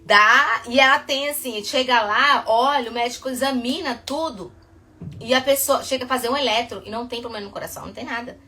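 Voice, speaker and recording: A chatty woman tells stories to camera. Her voice is bright and ringing and sits a little high. She often rushes ahead, then reins herself in. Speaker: psychotherapist. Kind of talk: casual talk to camera.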